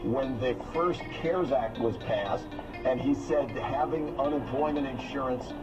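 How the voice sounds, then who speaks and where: A man's voice: mid-range voice, a little slow. A man giving unscripted political commentary as a guest in a news panel debate. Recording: distant car radio, loud music and traffic.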